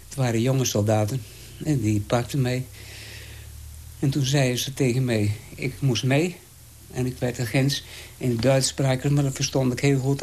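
A man's voice: mid-range voice, darkish tone, husky. Elderly man recounting memories. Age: 80s. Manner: halting, plain-spoken storytelling, frequent "weet je wel". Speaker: eyewitness interviewee.

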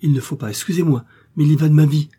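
A man's voice: mid-range voice, moderate pace, mellow, husky, natural voice. A man voicing a timid, easily frightened innkeeper who pleads in a fluster.

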